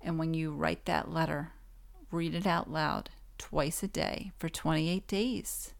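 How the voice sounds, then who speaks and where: Slow, gravelly, hoarse woman podcaster. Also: deep voice. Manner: calm, instructive, gently encouraging. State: hoarse, losing her voice. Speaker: podcast host. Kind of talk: self-help podcast advice.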